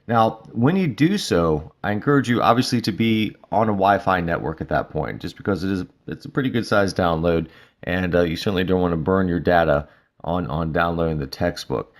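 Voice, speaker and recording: Low-voiced man walking through an app. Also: fairly quick. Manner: relaxed, filler-laden walkthrough. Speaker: instructor. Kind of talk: screen-recorded app tutorial.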